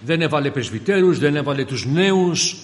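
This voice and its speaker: A man preaching a sermon to his congregation, fervent and swinging from hushed passages to loud ones, often calling them brothers. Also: fairly high pitch, expressive. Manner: keeps addressing the congregation as brothers. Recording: long reverb of a large hall.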